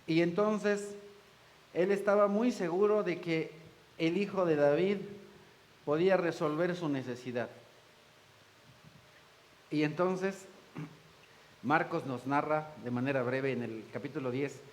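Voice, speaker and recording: A man's voice: a little high, takes it slowly, pauses often, rough recording. A man preaching a sermon in church, folksy, joking with the congregation and acting out the voices he quotes. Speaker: pastor.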